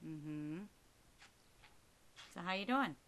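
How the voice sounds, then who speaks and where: A woman's voice: low-pitched, lively intonation, drawn-out words, fairly bright tone, a little hiss or hum. A woman chatting casually to her pet budgie, coaxing it with short repeated prompts and endearments. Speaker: pet owner filming her bird. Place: recorded while handling the camera herself.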